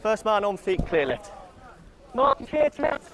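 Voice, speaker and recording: A male rugby referee calling short, clipped commands on the pitch, heard through a body mic with fuzzy distortion. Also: sing-song, unhurried. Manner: barks short, clipped calls. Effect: fuzzy distorted mic sound. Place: outdoor sports ground. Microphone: worn body mic. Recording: distorted body mic outdoors, loud crowd.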